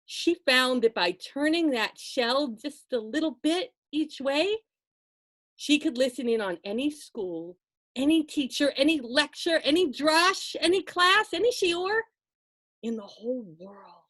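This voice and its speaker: Speaking in a high voice, this female storyteller recounts a folktale to an audience, chatty and animated, pausing for drama and slipping in asides. The recording is dry.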